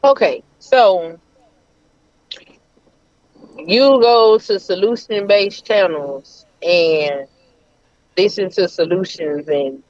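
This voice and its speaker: A woman's voice: on the low side, extremely slow, pauses often, darkish tone, no room sound. A woman in a live panel debate, heard through a crackly call line that keeps fading in and out. She argues confrontationally and fires off rhetorical questions. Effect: crackly, breaking-up call audio that fades in and out. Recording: dull lo-fi call line, dry.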